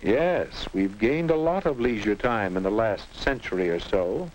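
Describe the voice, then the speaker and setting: A man playing a patient, instructive narrator in a 1950s educational film, guiding a teenager in a reassuring, measured way. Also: on the low side, lively intonation, a little hiss or hum, low-quality recording.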